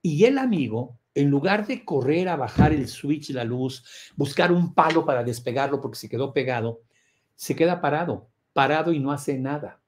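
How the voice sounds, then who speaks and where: A middle-aged man teaches a prosperity course, firing off rhetorical questions and acting out scenes with loud cries. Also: fairly high pitch, animated, moderate pace. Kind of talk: motivational lecture.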